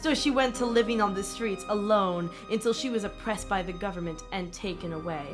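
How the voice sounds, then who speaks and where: A woman's voice: mid-range voice, brisk, music in the background. Woman game master narrating with laughter. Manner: lively, laughing, stumbles and corrects herself. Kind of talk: narrating a tabletop role-playing game.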